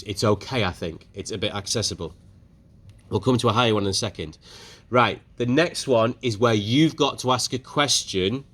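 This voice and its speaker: Brisk male teacher in a classroom. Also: mid-range voice, fairly bright tone. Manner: brisk and encouraging, asks the class questions. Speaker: French teacher. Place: school classroom.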